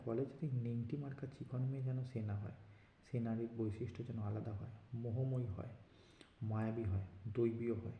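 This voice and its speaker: Gravelly man reading a story aloud. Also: mid-range voice. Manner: steady reading voice, slipping into character quotes. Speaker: story reader. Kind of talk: scripted story narration. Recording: dull lo-fi roomy recording, faint hiss.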